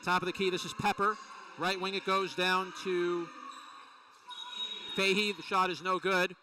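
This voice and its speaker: Excited high-voiced play-by-play man. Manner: rapid, excited calls of each play. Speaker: play-by-play announcer. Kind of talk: live basketball play-by-play. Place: college gym. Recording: distant mic with faint gym noise.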